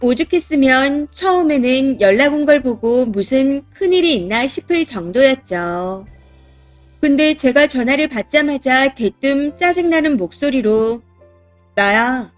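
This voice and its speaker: High-voiced woman reading a story. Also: measured pace, dry recording, faint music behind. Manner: steady first-person storytelling. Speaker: story reader. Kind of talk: scripted narration of a reader's story.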